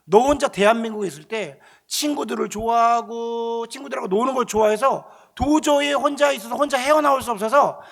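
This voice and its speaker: A man voicing God as a calm, fatherly figure who asks slow, gentle questions in a sermon story. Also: very high voice, gravelly, full character voice. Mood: slow, gentle questioning.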